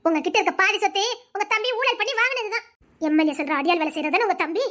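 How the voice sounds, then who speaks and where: A woman's voice: very high-pitched, animated, fast, heavily acted. An actress playing a bossy young village woman who scolds and mocks without holding back. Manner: sharp-tongued, scolding, mocking. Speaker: actress in a short romance drama. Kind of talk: dramatic village romance acting.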